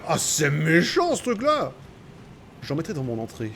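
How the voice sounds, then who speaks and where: A man's voice: on the high side, huge pitch swings, unhurried, creaky, a bit bright, faint music behind. Joking French-speaking man narrating his game. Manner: sarcastic, joking, talking to himself and the enemies. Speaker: gamer playing through a game. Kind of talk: casual let's-play commentary.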